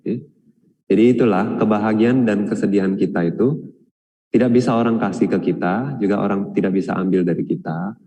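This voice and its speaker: A man's voice: lowish voice, brisk, warm tone. A man, a Buddhist monk, answering a question in a dharma talk, retelling a story with quoted voices and many fillers. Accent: Indonesian. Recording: long hall reverb.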